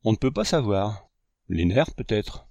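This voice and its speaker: A man's voice: fairly low pitch, sing-song, measured pace, creaky, darkish tone, no room sound, heavily acted. Storybook young hunter, playful, voiced by the male narrator, dry close sound. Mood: calm.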